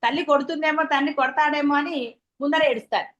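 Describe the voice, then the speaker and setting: A woman with a Telugu accent teaches in a high, clear voice. She gives a devotional discourse and keeps turning to her listeners with rhetorical questions. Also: steady tone, fast, fairly bright tone, rough recording. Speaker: spiritual teacher.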